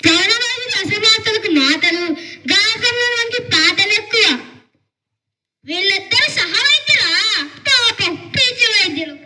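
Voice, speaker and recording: A woman's voice: very high-pitched, expressive, normal speed, bright, forceful tone, full character voice. Sneering Pharisee man, as a woman puts him on. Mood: mocking. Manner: sneering, mocking. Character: scornful male Pharisee mocking a healer. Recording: distant mic, music behind.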